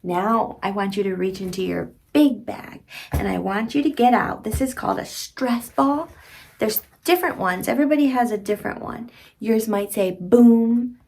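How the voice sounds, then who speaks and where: Her voice is mid-range, gravelly and darkish, at a normal speed. She's a woman in her thirties reading a picture book to young children, expressive and teacherly in simple phrases, speaking directly to the child.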